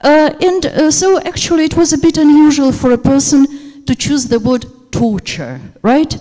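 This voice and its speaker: A woman's voice: high voice, moderate pace, mellow. Hesitant woman lecturing. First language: Russian. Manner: hesitant, many fillers. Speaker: teacher trainer. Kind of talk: workshop lecture. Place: seminar room. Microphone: handheld microphone. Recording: hall reverb.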